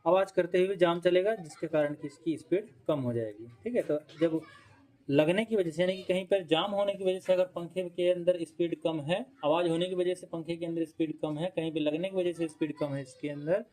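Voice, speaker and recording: A man's voice: a little high, fairly quick, a little mellow. A man teaching electrical repair step by step, explaining and checking in often while he demonstrates with tools. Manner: explanatory, repeats points, frequent "ठीक है" check-ins. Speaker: electrician instructor. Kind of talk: hands-on repair tutorial.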